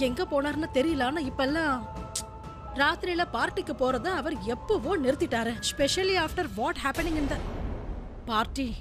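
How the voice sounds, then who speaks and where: A sly, falsely sweet schemer. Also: female voice, high-pitched, measured pace. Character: scheming woman feigning kindness. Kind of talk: dubbed television serial acting. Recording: music score under dialogue.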